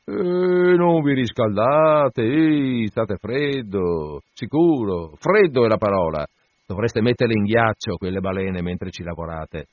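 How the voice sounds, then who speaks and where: Stubb, a man doing a loud mocking sailor. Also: lowish voice, animated, a little slow, dry recording. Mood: mocking, jovial. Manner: loud, teasing, shouted banter. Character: brash jovial sailor mate, loud and mocking. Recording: dull lo-fi dry recording.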